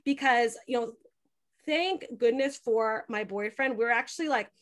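Being interviewed on a podcast, this young female host tells stories in a chatty, talkative way, often saying "like" and acting out quoted dialogue. Her voice is on the high side and her pace is measured.

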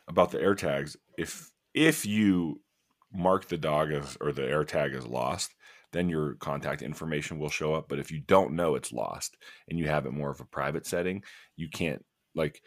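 Very deep-voiced male podcast host. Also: no room sound, clean studio sound. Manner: rambling, self-interrupting, laughs at himself. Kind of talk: casual podcast chat.

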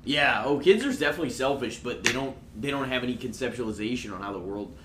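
A man's voice: medium pitch, lively intonation, quick pace. A man hosting a podcast in casual, laid-back chat that rambles a little. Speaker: podcast host. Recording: echoey room, faint background noise.

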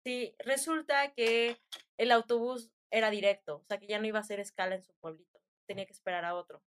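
A woman's voice: medium pitch, steady tone, a little fast, slight background noise. A young woman with a Mexican Spanish accent, chatting casually and rambling through a story with slangy fillers.

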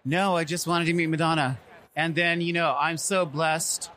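Bright, candid male drag performer, fairly high-pitched. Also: little pitch movement, normal speed, a little hiss or hum. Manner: candid, chatty, emphatic. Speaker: drag performer being interviewed. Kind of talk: casual event interview chat. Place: convention green room.

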